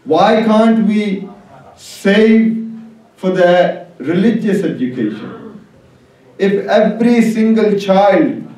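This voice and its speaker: His voice sits high yet has a dark tone as he preaches an Islamic sermon to a gathering, spurring them with rhetorical questions. The public address recording in the religious hall is heavily reverberant, and he's well off the mic.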